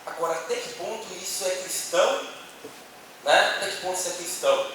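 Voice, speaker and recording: At a church panel in a meeting hall, a man gives a conversational talk peppered with tag questions to the audience, in a Brazilian Portuguese accent. His voice sits high, with a brisk pace and fairly bright tone. He's well away from his handheld mic, so he sounds off-mic in the echoey, noisy hall.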